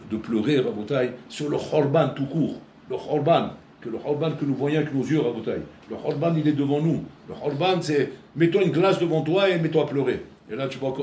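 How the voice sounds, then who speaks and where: A man's voice: medium pitch, darkish tone, echoey room, slight background noise. A man giving a sermon as a rabbi, telling stories and often repeating words as he searches for the next one. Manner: storytelling, repeats words while searching, keeps addressing listeners.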